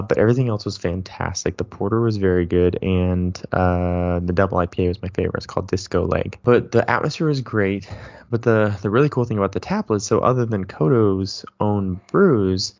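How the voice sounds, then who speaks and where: A man co-hosting a podcast, chatting casually and rambling with fillers as he talks. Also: low voice. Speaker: podcast co-host. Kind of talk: casual chat. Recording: dull lo-fi sound.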